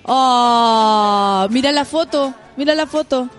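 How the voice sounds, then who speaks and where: High-voiced Chilean woman, chatty radio host. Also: slow, faint music behind. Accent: Chilean Spanish. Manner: chatty, laughs often, slangy and playful. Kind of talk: casual morning radio chat, reading listener messages.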